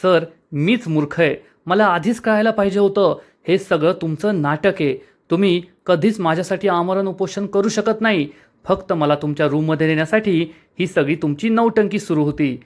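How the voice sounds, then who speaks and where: A man reading out the lines of a quick-tempered, proud young bride, scolding and indignant. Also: sits high, close to an everyday voice. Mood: angry.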